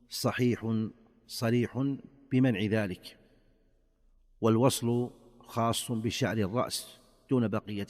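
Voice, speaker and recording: A male religious scholar gives answers in formal Standard Arabic. His voice sits a little low and he speaks in short, measured phrases. A long reverb surrounds it. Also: a little mellow.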